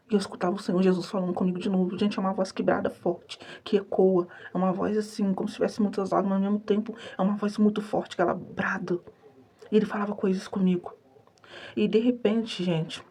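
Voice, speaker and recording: A woman's voice: medium pitch, mellow, breathy edge. A young Brazilian woman telling an earnest, emotional religious testimony at home at night, half-whispering so as not to wake her family. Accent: Brazilian Portuguese. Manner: earnest, emotional, repeats phrases for emphasis. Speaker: vlogger. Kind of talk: hushed late-night testimony vlog.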